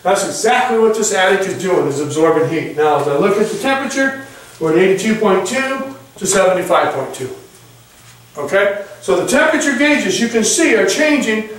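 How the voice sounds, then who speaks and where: A man's voice: high-pitched, big pitch swings, moderate pace, fairly bright tone. A man giving a live product demonstration, reading temperatures aloud and checking in with the audience with a folksy "okay?". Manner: reads out numbers like an auctioneer. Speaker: product presenter. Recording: echoey room, mic far off.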